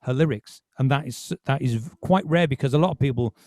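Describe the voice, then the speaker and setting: A man's voice: medium pitch, fast talker, a little mellow. A man hosting a podcast, talking casually about music with many restarts. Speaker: podcast host.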